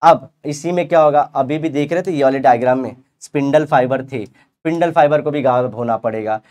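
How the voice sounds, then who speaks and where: A man teaching a biology revision lecture, explaining in Hindi with English terms, reading textbook lines slowly and asking the class questions. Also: medium pitch, a little mellow. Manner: playful analogies, asks the class rhetorical questions.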